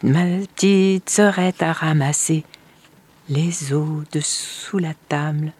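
A woman reading a storybook and voicing a magical bird that sings its lines in a slow, chanted singsong. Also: deep voice, steady tone, darkish tone, breathy edge, heavily acted. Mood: chanting. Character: haunting magical bird, singing slowly.

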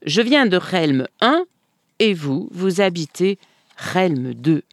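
A reader doing a calm, stubborn village man. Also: mid-range voice, takes it slowly, no echo, clean studio sound.

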